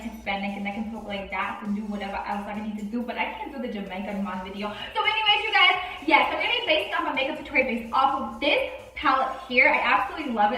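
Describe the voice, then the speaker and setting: Woman vlogger, high voice, chatty tutorial talk, boomy echoey room sound. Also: sharp tone, distant mic. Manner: chatty, keeps saying "you guys". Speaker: beauty vlogger. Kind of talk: casual makeup tutorial chat.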